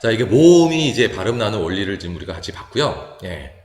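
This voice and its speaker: A man teaching an English phonics lecture, explaining step by step and sounding out example words slowly. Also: on the low side, very animated, darkish tone. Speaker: high school English teacher. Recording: echoey hall with long reverb.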